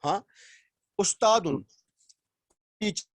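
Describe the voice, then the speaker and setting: A man teaching a language class over a video call, explaining slowly, repeating words and quizzing his students. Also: high-pitched, no room sound, studio quality. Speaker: Arabic teacher. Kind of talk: online class lecture.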